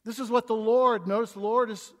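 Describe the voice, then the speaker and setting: High-voiced preacher in a reverberant hall. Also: male voice, steady tone, a little fast. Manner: reads scripture aloud, swings between hushed and emphatic; stumbling restarts. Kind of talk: expository sermon. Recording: long reverb of a large hall.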